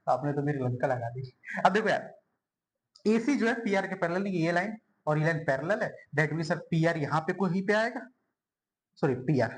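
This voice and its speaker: A young man teaching a board-exam math lesson at a whiteboard, chatty and friendly, calling students bhai and yaar and repeating words as he draws. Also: a little high.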